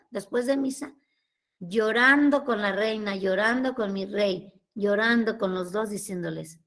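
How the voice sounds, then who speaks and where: A middle-aged woman gives a heartfelt spoken testimony as a guest. She talks earnestly, repeats herself and speaks to her listeners as her children. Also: a little high.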